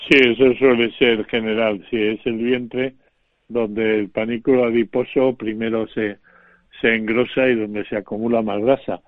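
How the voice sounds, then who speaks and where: A man's voice: medium pitch, little pitch movement, no echo. Male doctor heard over the phone. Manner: measured, formal advice. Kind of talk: radio advice. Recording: dry narrow phone line.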